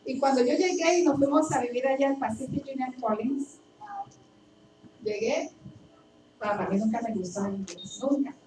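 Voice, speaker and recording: A woman's voice: high-pitched, moderate pace, long pauses. A woman preaching a sermon, telling her own story and asking emphatic questions with much repetition. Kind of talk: sermon with personal testimony. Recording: echoey and distant, faint background noise.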